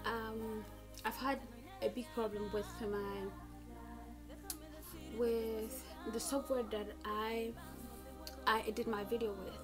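High-voiced young woman vlogging over music. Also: little pitch movement, takes it slowly, pauses often. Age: young adult. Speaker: beauty vlogger. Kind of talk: casual makeup tutorial talk. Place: small room at home, indoors. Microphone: smartphone at about arm's length. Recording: music playing behind the voice. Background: background music.

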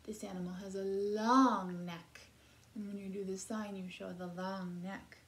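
A woman reading a picture book aloud to young children, animated, gasping often and dropping into whispered asides. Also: mid-range voice. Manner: animated, gasps a lot, drops to whispered asides; drawn-out slow questions to the listener. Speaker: story time reader for young children.

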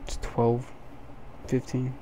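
A gaming video host talks over his own gameplay late at night, keeping quiet and sounding drowsy. His medium-pitched voice is warm, slow and monotone, with a faint hiss or hum underneath.

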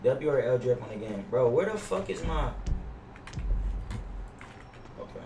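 Chatting casually over a livestream, this young American guy mixes role-play banter with loud slang and constant cursing. He talks briskly and expressively at a medium pitch, though his gaming headset catches him from afar, leaving the indoor audio roomy, off-mic and slightly noisy.

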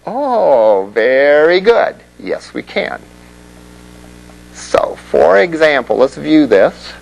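A man's voice: on the high side, sing-song, very slow, gravelly, low-quality recording. A man teaching a web development class in a classroom, explaining things conversationally and often checking in with the students. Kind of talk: classroom lecture.

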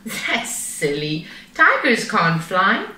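Storybook cub: woman reading as a playful boy panda, high squeaky child voice, shouting, lively swoops, echoey distant room. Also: takes it slowly, a little hiss or hum, exaggerated voice. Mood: excited. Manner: excited, shouting.

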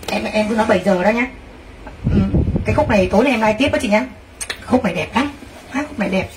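A woman's voice: medium pitch, fast talker. Lady selling clothes live, gushy and talking to viewers, kinda far from mic with faint noise behind. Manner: excitable, gushing exclamations, addresses viewers directly. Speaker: livestream clothing seller.

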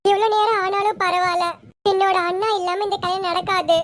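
A woman's voice: very high-pitched, level tone, a little fast, fairly bright tone. A woman voicing a young bride who insists on waiting for her brother, in amateur serial acting. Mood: distraught. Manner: pleading and insistent.

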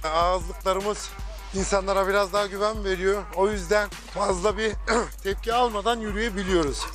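A man's voice: high voice, steady tone, normal speed. A man vlogging outdoors by the sea, calling urgent repeated commands to his dogs and chatting with viewers. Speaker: dog-owner vlogger. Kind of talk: casual outdoor vlog. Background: background music.

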